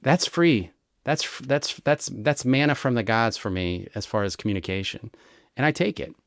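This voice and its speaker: A man, a retired American federal agent, explaining his methods in an interview with lively examples and frequent "right?" checks. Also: mid-range voice, moderate pace, no room sound, studio quality. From United States. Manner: animated storyteller, explains with examples and rhetorical "right?". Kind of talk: conversational explanation.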